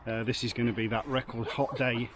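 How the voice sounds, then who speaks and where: A chatty man hosts a casual travel vlog, narrating to the camera in an easygoing, jokey way. His voice sits at an ordinary middle pitch. He is recorded outdoors, with steady background noise clearly audible. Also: fairly quick. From England. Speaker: vlog host. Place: outdoors at a campsite and on walks.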